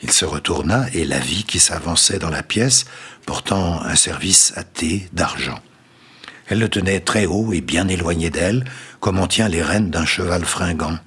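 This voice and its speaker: A man reads a story aloud in a very deep, husky voice. His delivery is measured and suspenseful, with a breathy edge. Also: a bit bright. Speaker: narrator. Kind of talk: storybook reading.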